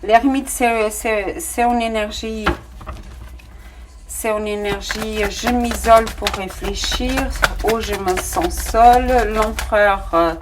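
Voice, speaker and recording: A woman's voice: medium pitch, steady tone, slow, noisy background. A middle-aged woman with a non-native French accent giving a casual tarot reading, hesitant with many fillers and delighted exclamations at the cards. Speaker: tarot reader.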